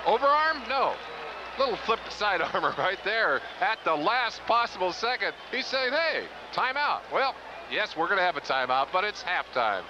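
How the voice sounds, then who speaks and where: A man's voice: high voice, very animated, normal speed, background noise. A man giving enthusiastic, explanatory live football commentary. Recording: muffled broadcast, loud stadium crowd.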